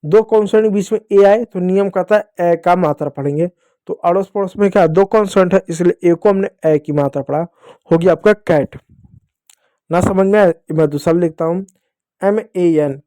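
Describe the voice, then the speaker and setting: High-voiced man teaching phonics. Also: moderate pace, dark tone, dry recording, studio quality. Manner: patient, repeats questions and answers them himself. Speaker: English teacher. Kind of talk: classroom-style phonics lesson.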